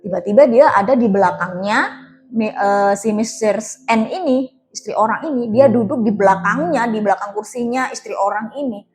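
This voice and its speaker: A woman's voice: medium pitch, normal speed, soft background music. A woman telling a story in casual spoken style, chatting directly to her listeners with lots of fillers.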